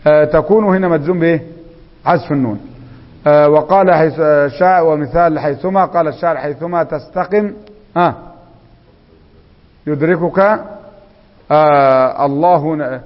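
Man, Egyptian accent, classroom lesson, slow drawn-out recitation, dull lo-fi sound. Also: on the high side. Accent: Egyptian Arabic. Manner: quizzing students, slow drawn-out recitation of examples. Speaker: Arabic grammar teacher. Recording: echoey hall, dull lo-fi sound.

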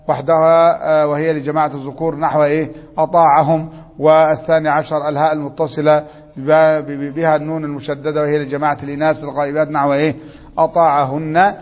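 A man's voice: fairly high pitch, level tone, quick pace, long reverb tail, highs cut off. A man with an Egyptian accent teaching a grammar lesson, prompting students with questions and reading rules aloud. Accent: Egyptian Arabic.

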